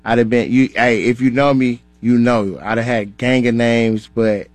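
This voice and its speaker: A man's voice: mid-range voice, steady tone, moderate pace, no room sound. A male rapper in his thirties, a radio guest from Minnesota, talking casually and laid-back with lots of slang. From Minnesota, grew up in Atlanta. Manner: laid-back, slangy, says "you know what I'm saying" often. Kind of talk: casual interview.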